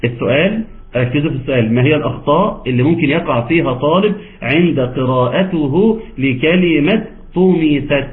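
A man's voice: a little high, animated, a little fast. Egyptian man teaching over a tinny line. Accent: Egyptian Arabic. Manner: questioning, teasing, patient. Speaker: Quran recitation teacher. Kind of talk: online recitation class. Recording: tinny phone-like call audio.

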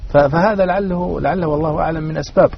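Fast-talking man in formal standard Arabic. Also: on the high side, creaky. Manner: formal standard Arabic, preacherly, addresses listeners as brothers. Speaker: religious panel speaker. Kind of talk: religious panel discussion in formal standard Arabic. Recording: dull, noisy radio-like sound.

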